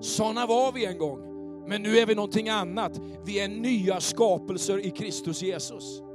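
Male pastor, high voice, lively preaching in church, faint keyboard underneath. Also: over music. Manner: animated, questioning the congregation. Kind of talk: sermon. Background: soft keyboard pads.

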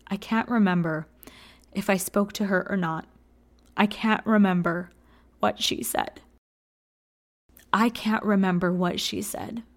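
A woman's voice: mid-range voice, creaky. A woman in her thirties reading her own personal memoir aloud in an earnest, emotional way. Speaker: teacher and memoir reader.

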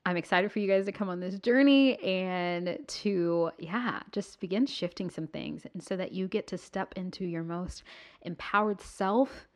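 A woman's voice: lowish voice, measured pace. A woman hosting a motivational faith podcast, speaking directly and casually to her listeners and repeating key words for emphasis. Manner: casual, encouraging address to the audience. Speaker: podcast host.

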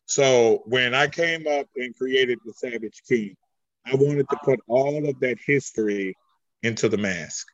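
Slow, halting masked wrestler, man. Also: medium pitch, no room sound, muffled recording. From Greece. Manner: halting, searching for words. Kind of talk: interview answers.

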